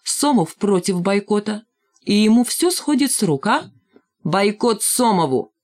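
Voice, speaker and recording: A woman doing a loud, brash yelling schoolboy. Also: medium pitch, sing-song, measured pace, pitched above the performer's own voice. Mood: jeering. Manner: yelling, gloating.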